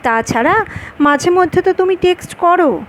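A woman's voice: very high-pitched, lively intonation, moderate pace, a little hiss or hum, pitched above the performer's own voice, rough recording. A woman reading the lines of a grown woman in love, wistful and playfully stubborn, in her own voice.

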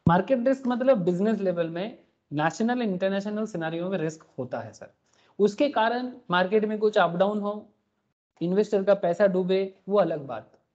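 A man teaches an online class over a recorded meeting call. His voice is mellow and the audio is dull and lo-fi. He keeps asking the students questions and checks that they follow. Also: sits high, moderate pace. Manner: explains with rhetorical questions and frequent checks. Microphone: computer mic on a recorded video call.

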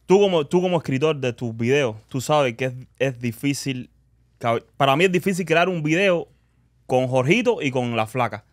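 A man's voice: medium pitch, expressive, moderate pace, dry recording, clean studio sound. A Cuban man speaking as a guest on a casual podcast, thinking back on how he made his videos. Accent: Cuban Spanish. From Cuba. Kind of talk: casual chat.

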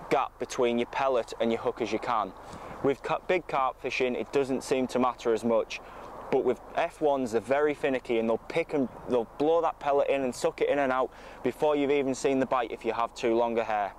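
Outdoors on the bank of a lake, a male fishing coach gives a matter-of-fact, informal tutorial to camera. His voice is medium-pitched and his pace moderate, and outdoor ambient sound can be heard.

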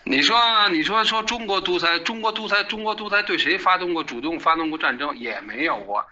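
Middle-aged guy, super bright fairly high voice, heated opinionated chat. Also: fairly quick, lo-fi sound, a little hiss or hum. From China. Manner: animated, argumentative, keeps asking "you know?". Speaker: interview guest.

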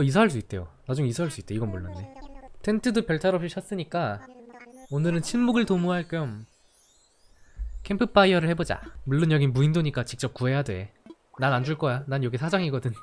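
This streamer's medium-pitched voice is a little mellow, fast and lively in intonation. Chatting casually through a let's-play, they tease, curse in jest and gush over anything cute.

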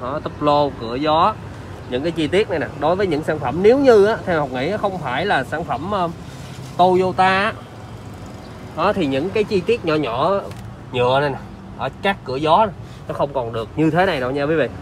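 Male used car salesman, southern Vietnamese accent, higher-pitched, improvised reassuring walkaround pitch, noticeable outdoor lot noise. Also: animated, brisk. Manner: salesman's pitch, repeatedly addressing viewers with reassurances.

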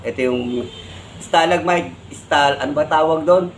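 A man's voice: a little high, measured pace, slight background noise, poor audio. A man with a Filipino accent, a vlogger scolding another vlogger as he explains, ending his points with tag questions. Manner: lecturing, repeats "no?" and "di ba?" as tags.

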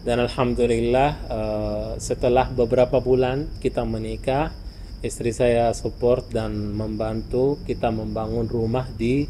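Casting: young Palestinian man, Arabic-accented foreigner speaking Indonesian, earnest and conversational, mellow tone, faint noise behind. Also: medium pitch, level tone, measured pace. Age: young adult. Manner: foreigner speaking Indonesian, somewhat non-fluent phrasing. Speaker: guest. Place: living room sofa.

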